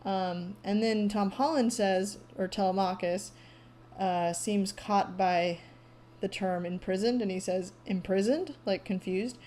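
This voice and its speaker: A woman casually recapping a trailer on her own, pausing often with ums and thinking aloud. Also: mid-range voice, fairly even intonation, a little mellow, a little hiss or hum. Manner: frequent ums, halting, thoughtful. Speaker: vlogger recapping a movie trailer.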